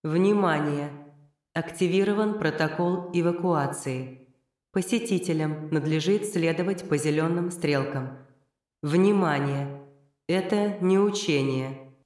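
A woman reading a stern evacuation announcement as if it comes over building loudspeakers. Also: low voice, slow pace, reverberant, distant mic, pitched above the performer's own voice. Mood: urgent. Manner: loud, formal alarm announcement. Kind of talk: audiobook reading.

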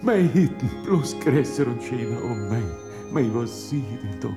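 A man's voice: mid-range voice, lively intonation, moderate pace, music in the background, lightly acted. An actor playing a humble old peasant man, hesitant and full of wonder, with a Bavarian accent. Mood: awed. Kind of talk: theatrical dialect drama acting.

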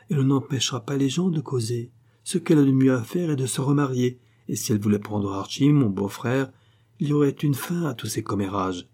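Male reader voicing a pleading society lady, urgent, husky tone. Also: mid-range voice, dark tone, close to an everyday voice. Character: anxious scheming noblewoman, pleading, gossipy.

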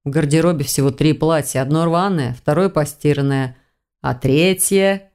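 A woman voicing a slow, sighing male gatekeeper creature in an audiobook. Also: deep voice, a little mellow, smooth. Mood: defending.

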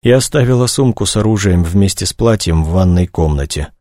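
Male reader doing a quiet, tender young woman, dry close sound, audiobook. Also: deep voice, expressive, a little fast, no echo. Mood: explaining. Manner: soft, gentle, quiet.

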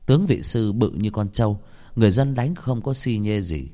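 A man tells a ghost story in a low, lively voice that rises and dips expressively. A long hall-like reverb hangs behind every line. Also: moderate pace. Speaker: narrator. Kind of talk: scripted horror story narration.

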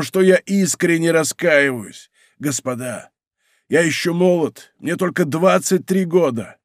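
A frantic young man begging for his life, his voice climbing high and his words dragged out slowly, as a male narrator puts him on. The pleading trembles throughout. The recording is dry and close. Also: no echo, close to an everyday voice.

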